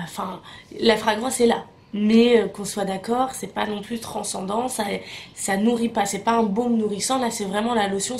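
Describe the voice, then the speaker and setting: A woman's voice: mid-range voice, a little hiss or hum. A young woman from Morocco chatting casually through a beauty product review, full of fillers and repeated words. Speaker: beauty vlogger.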